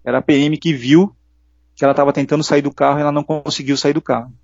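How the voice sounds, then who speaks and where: Interview guest: middle-aged Brazilian man, quick earnest storyteller, slightly high voice, dull dry lo-fi sound. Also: flat delivery, creaky, darkish tone, no room sound. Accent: Brazilian Portuguese. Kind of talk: casual interview testimony.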